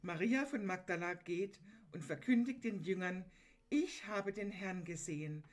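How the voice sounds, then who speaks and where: A woman's voice: fairly low pitch, measured pace. A woman preaching a sermon, retelling a gospel scene earnestly and turning to her listeners with direct, emphatic appeals.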